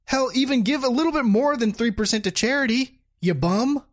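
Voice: mid-range voice, brisk. A commentator reacting to a video clip in a sarcastic, mocking way. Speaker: political commentator.

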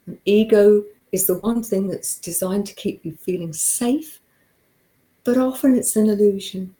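A hoarse woman hosts a motivational talk show, speaking in an earnest, coaching way. Her voice is very dark and mellow. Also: medium pitch, a little slow, rough recording. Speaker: host.

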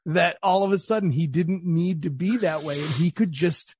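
A man's voice: on the high side, moderate pace, breathy edge, dry recording. A man interviewing a guest in a casual way, telling anecdotes and acting out quotes. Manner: casual, animated storyteller, acts out quotes. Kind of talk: conversational interview.

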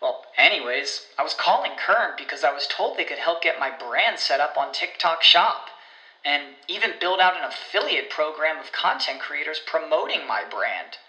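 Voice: mid-range voice, animated, moderate pace, sharp tone, echoey room, poor audio. A person leaving a chatty, amused voicemail in a scripted ad. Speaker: ad voicemail caller. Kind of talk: scripted comic ad.

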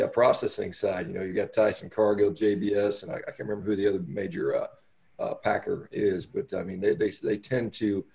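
Mellow, gravelly American man hosting a podcast. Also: lowish voice. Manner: halting, rambling, repeats himself. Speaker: podcast host, interviewer. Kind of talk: casual interview chat.

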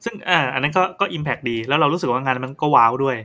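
A man's voice: medium pitch, quick pace, pushed and bright. A man co-hosting a casual tech podcast, asking short questions and humming along. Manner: asks short questions, lots of agreeing hums. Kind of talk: casual chat.

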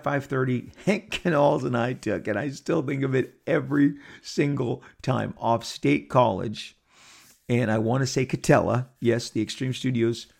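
In a medium-pitched voice with vocal fry, a man in his fifties hosts a podcast and spins a meandering story for listeners. He's lively, keeps repeating and restarting, and voices others' quotes in character.

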